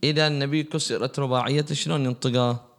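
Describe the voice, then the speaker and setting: Gravelly man teaching religion. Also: mid-range voice, fairly even intonation, fast. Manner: asks the audience questions and answers them. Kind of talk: religious lesson to a class.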